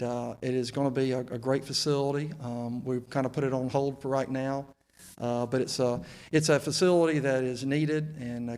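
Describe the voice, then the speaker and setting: Even-toned Southern man talking through a face mask. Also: mid-range voice. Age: 40s. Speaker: city council candidate, incumbent. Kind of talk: candidate remarks at a local debate.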